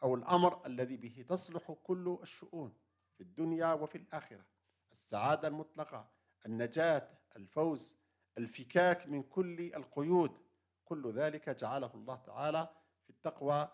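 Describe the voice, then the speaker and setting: A man with a slightly raised voice delivers an earnest sermon. He leans on repeated short phrases and lists one after another, building them up with steady conviction. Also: on the high side, fairly quick. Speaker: preacher.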